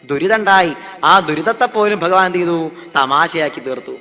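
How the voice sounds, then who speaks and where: A man's voice: fairly high pitch, moderate pace, pushed and bright, faint music behind. A man giving a devotional discourse, asking rhetorical questions and answering them himself. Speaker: Bhagavatam speaker. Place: festival hall. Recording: long hall reverb.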